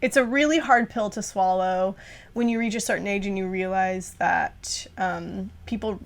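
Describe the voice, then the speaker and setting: A woman's voice: mid-range voice, normal speed. A young adult woman co-hosting a casual podcast, rambling and filling her talk with "like.". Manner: rambling, heavy use of "like" fillers. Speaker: podcast co-host.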